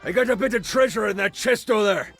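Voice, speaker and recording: An actor playing a boastful male pirate captain in a video game, with a gravelly pirate voice. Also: high voice, quick pace, a bit bright. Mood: scheming. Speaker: game character. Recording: game audio over music.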